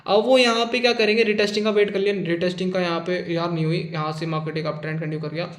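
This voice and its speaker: High-voiced chatty man teaching trading. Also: fairly even intonation, racing, echoey room. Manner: chatty, constantly checks in with "okay" and calls listeners "brother"; jokey, teasing about losing traders. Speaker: trading instructor. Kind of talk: casual screen-share chart lesson.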